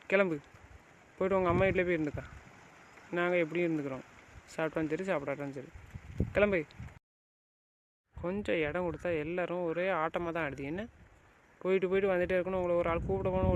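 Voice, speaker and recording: A man's voice: high-pitched, highs cut off. An actor playing a domineering family head who scolds and lectures his household with a stream of rhetorical questions. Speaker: stern family elder. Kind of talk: village family drama acting. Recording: outdoor noise, rural background.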